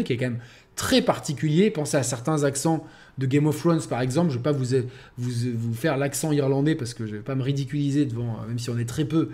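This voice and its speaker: A man reviews a video game in a loose, rambling way, often starting sentences over and leaning on fillers. His voice is a little high with a dark tone.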